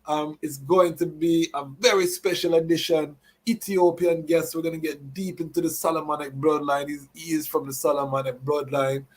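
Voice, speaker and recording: A man's voice: a little high, fairly even intonation, normal speed, few pauses, slightly rough. A man hosting a live show, mixing announcements with Rastafari reasoning in Rastafarian idiom and repeated catchphrases. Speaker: podcast host.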